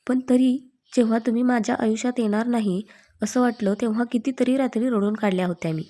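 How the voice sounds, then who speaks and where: A woman's voice: a little high, fairly even intonation, fast talker, mellow, close to an everyday voice. A woman voicing a loving, playful young bride-to-be with a coaxing manner. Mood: tender.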